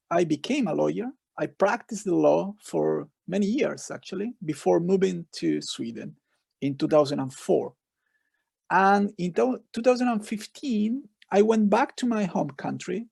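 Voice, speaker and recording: A man's voice: sits high, gravelly, darkish tone, dry recording. A man from Chile with a Chilean Spanish accent, a researcher giving an earnest, reflective talk on a video call. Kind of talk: online talk.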